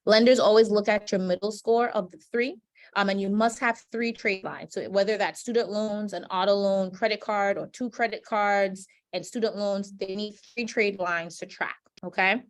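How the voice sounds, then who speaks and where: A woman's voice: mid-range voice, fairly even intonation, normal speed. Woman from trinidad walking people thru credit stuff on a webinar, keeps saying right?, video call sound. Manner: explanatory, peppered with "right?" and "um". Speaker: financial educator. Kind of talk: webinar presentation.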